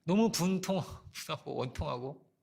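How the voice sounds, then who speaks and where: A man's voice: on the high side, expressive, measured pace, creaky, darkish tone, breathy edge. A middle-aged male pastor giving a conversational sermon with personal stories and rhetorical questions. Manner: conversational preaching with frequent rhetorical "어?"; storytelling with personal anecdotes.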